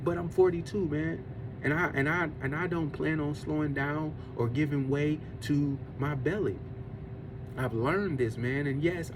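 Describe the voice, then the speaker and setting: Background noise sits under this medium-pitched male voice. The speaker, a podcast host in his forties, gives a sincere, sermon-like monologue rooted in faith, covering discipline and eating while repeating the same themes as he goes.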